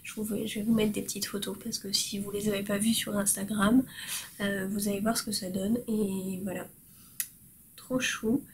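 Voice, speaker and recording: A woman's voice: medium pitch, level tone, moderate pace, darkish tone, a little hiss or hum, poor audio. A woman hosting a crafting podcast, chatting casually and cheerfully while showing her work, with frequent hesitations and fillers. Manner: cheerful and self-mocking. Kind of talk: casual show-and-tell chat.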